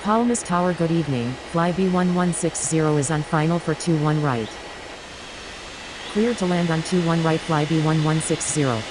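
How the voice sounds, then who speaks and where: Loud noise runs under a woman on a pilot headset. She has a slightly low voice and delivers brief, standard air traffic calls. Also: moderate pace. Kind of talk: clipped scripted aviation radio phraseology. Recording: very noisy radio transmission.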